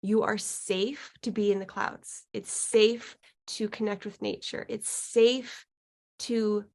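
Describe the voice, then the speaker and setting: A woman with a noticeably creaky, mid-pitched voice works as a mystical healer. She thinks aloud haltingly as she guides a client through a session, pausing as she searches for words. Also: steady tone. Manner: slow, halting, searching delivery with long pauses, like a mystical healer. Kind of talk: unscripted guided healing session, musing aloud.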